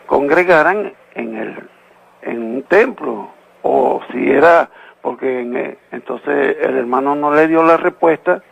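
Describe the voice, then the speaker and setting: A man's voice: fairly high pitch, creaky, breathy edge, highs cut off. A man from Venezuela calling in over the phone to a live radio show, earnestly citing scripture verse by verse. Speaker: caller asking a Bible question.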